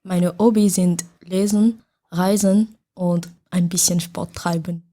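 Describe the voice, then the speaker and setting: A woman's voice: on the low side, fairly even intonation, takes it slowly, dark tone. A young woman from Gabon, a student on a podcast, speaking carefully from prepared remarks. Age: young adult. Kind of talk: scripted podcast talk.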